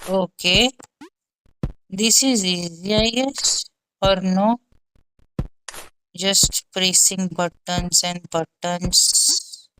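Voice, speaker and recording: A woman's voice: fairly low pitch, fairly even intonation, drawn-out words, long pauses, bright, forceful tone, slight background noise, rough recording. A young woman hosting a gaming channel, thinking aloud through gameplay commentary in a muttering, exasperated way.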